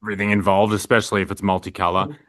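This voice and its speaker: A young Australian man with a low voice talks in a loose, rambling way, full of fillers and "like"s. His tone is bright and forward. The sound is dry and close. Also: little pitch movement, racing, dry recording. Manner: rambling, filler-heavy, frequent "like". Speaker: print shop owner, guest. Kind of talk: casual interview chat.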